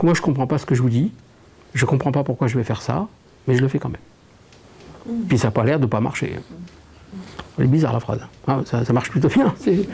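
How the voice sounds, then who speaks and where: A man's voice: medium pitch, gravelly, dark tone, a little hiss or hum. A French man working as a medium, chatting and joking with an audience. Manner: chatty, joking, drops to a whisper. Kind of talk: public medium session.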